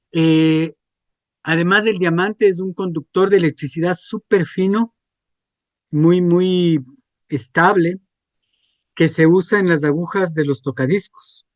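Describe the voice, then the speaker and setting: A man's voice: fairly high pitch, no room sound. A man, teaching a class and checking in with students through frequent questions. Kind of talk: classroom lecture.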